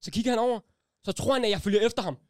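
A young man hosting a casual podcast chat, telling stories in animated, slangy talk and laughing as he goes. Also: high voice, no room sound, studio quality. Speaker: podcast host.

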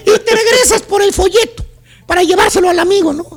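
A Mexican man hosting a comedy radio show, delivering a rowdy, slang-heavy monologue and often shouting. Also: very high-pitched, fast talker. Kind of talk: comic monologue.

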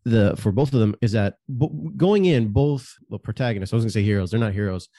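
A man's voice: on the low side, lively intonation, fast, mellow, no room sound, clean studio sound. A man co-hosting a podcast, talking through a movie in a thoughtful, casual way. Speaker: podcast co-host. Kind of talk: casual chat about movies.

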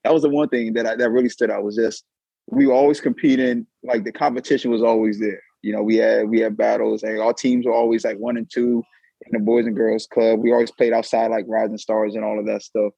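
A man co-hosting a podcast, talking in a relaxed, conversational way. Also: lowish voice, brisk, creaky, husky, no echo, dull audio. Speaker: podcast co-host. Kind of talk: casual podcast chat.

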